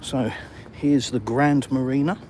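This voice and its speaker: A middle-aged Englishman with an English accent talks casually into his phone while strolling outdoors after dark. He reads out viewer comments and answers them. Faint traffic hum sits behind his voice. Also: mid-range voice, steady tone, a little slow. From England. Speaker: vlogger. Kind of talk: live walk-and-talk stream. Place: city streets at night, outdoors. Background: faint traffic noise.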